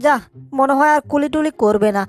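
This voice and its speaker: A busy little male cartoon mouse chatters and scolds in a high, quick voice, as a woman plays him. He keeps thinking aloud as he fusses over each mess. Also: lightly acted. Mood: scolding. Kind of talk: fan cartoon dubbing.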